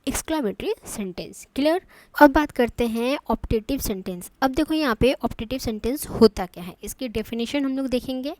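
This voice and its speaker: A woman's voice: on the high side, a little fast, a little mellow. A woman teaching an online English grammar lesson, explaining step by step and checking in with her students often.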